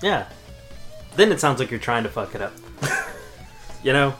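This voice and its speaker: A man's voice: mid-range voice, sing-song, normal speed, fairly bright tone, soft background music. A man in his thirties co-hosting a podcast, chatting casually about a movie, laid-back and profane, often laughing. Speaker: podcast co-host.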